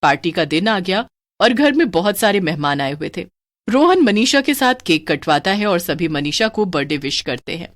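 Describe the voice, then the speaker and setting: Animated woman telling a horror story. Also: fairly low pitch, normal speed, no echo, studio quality. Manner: expressive, animated. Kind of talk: scripted narration of a horror tale.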